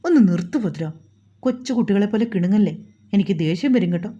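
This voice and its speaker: A woman voicing a stern, quick-tempered young husband who scolds in a lowered voice, in a storybook reading. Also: expressive, mellow, dull audio.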